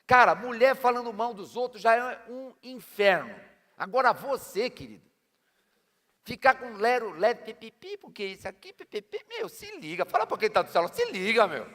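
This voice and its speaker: Paulista pastor preaching, high voice, loud and slangy, big hall echo. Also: male voice, big pitch swings, normal speed. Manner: emphatic and colloquial, slangy asides to the congregation. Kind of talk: sermon. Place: church hall. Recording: long church-hall reverb.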